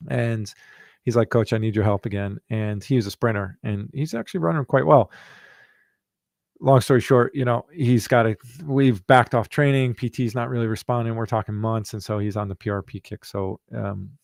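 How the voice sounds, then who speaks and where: A man's voice: fairly low pitch, fairly even intonation, moderate pace, vocal fry, a little mellow, no room sound, clean studio sound. A middle-aged man, a running coach, chatting casually and telling stories between listener questions, rambling with many fillers. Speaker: running coach and podcast host.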